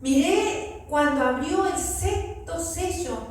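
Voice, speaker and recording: A woman preacher with an Argentine Spanish accent, reading scripture aloud slowly and steadily in a church sermon. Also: extremely high pitch, lively intonation, a little mellow. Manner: slow, measured reading aloud. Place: church hall. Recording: very echoey room, mic far off.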